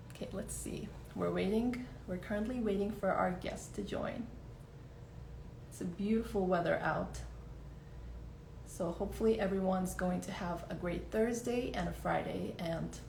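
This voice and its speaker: A podcast host is running a live online interview, filling time with friendly, upbeat small talk while she waits for her guest. Her voice is mid-range, creaky, and a little mellow. The room is echoey with faint background noise.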